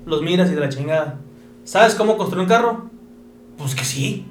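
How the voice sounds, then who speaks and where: A man with a Mexican accent talks plainly and bluntly, ticking off everyday examples and cursing freely. His voice sits a bit high for a man. The recording is roomy and echoey, with a faint hiss underneath. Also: expressive, moderate pace. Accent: Mexican Spanish. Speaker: guest chef. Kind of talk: casual podcast chat. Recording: echoey room with faint noise.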